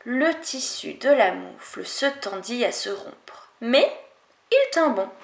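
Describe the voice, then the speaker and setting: Une enseignante lit un conte aux enfants avec une diction lente et expressive. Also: female voice, fairly high pitch, creaky, echoey room. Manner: slow, expressive, melodic. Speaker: teacher reading aloud. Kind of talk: storybook reading for children.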